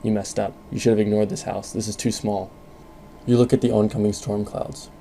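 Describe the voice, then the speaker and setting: A male narrator tells a second-person story in a calm, measured delivery. His voice is dark and gravelly, sitting low with little rise and fall. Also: slight background noise.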